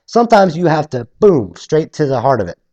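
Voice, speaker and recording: A man's voice: fairly high pitch, fairly quick, muffled recording. A man preaching through a Bible passage in a conversational way, acting out the objections of listeners. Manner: animated, acts out objectors in voices; conversational, with restarts. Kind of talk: expository Bible teaching.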